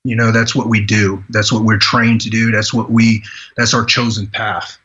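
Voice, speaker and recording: This is a podcast interview in which a retired Green Beret, a Vietnamese man in his 40s, tells personal stories. His voice is on the low side and sharp in tone, with flat delivery and muffled sound. Earnest but halting, he restarts often with "you know."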